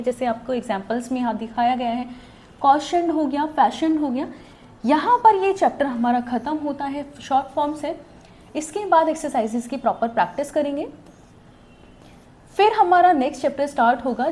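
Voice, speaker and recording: A woman's voice: high-pitched, a little mellow. A woman teaching a shorthand class online, explaining step by step and often checking that students follow. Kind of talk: online lesson.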